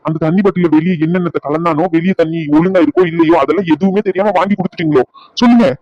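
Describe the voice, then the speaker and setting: A man's voice: high-pitched, rapid-fire, no room sound, muffled recording, lightly acted. A man voicing a furious cartoon husband. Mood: angry. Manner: shouting, accusing. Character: angry young husband storming home. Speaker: cartoon character.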